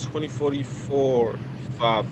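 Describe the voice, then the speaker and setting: A man's voice: mid-range voice, takes it slowly. A man working as a train dispatcher, giving instructions over a two-way radio. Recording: radio transmission with very loud noise.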